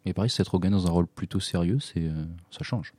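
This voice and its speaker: A man chatting casually about films, quick and hesitant with many fillers. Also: sits low, dark tone, no room sound. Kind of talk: casual film chat.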